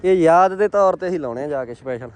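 A man's voice: on the high side, lively intonation, fast. A man giving casual, chummy vlog commentary outdoors, addressing viewers as friends. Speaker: vlog host. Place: outdoors at a farm machinery fair. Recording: engine and vehicle noise, outdoors.

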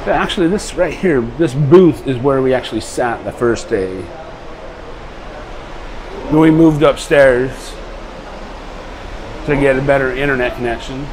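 An unhurried travel vlogger with a medium-pitched, darkish voice leaves long pauses while showing off a ship's indoor buffet on his handheld camera. His talk is relaxed and rambling, and the poor audio carries slight background noise.

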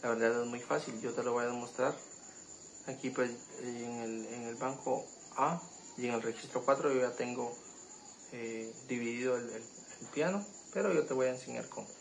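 A man hosting a keyboard tutorial, explaining step by step in a halting, casual way with many fillers and restarts. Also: medium pitch, vocal fry, slight background noise, poor audio. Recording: loud keyboard music behind.

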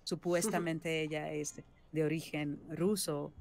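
A woman from Venezuela, a voice actress, explaining her work at length in a relaxed interview, often ending thoughts with a questioning tag. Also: low voice, takes it slowly, gravelly. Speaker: voice actress and singer-songwriter, guest. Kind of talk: casual interview chat.

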